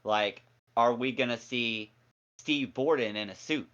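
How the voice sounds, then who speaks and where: A man in his forties co-hosting a casual wrestling review, excitable and jokey with a lot of slang. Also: medium pitch, measured pace, clean tone, highs cut off. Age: 40s. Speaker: co-host.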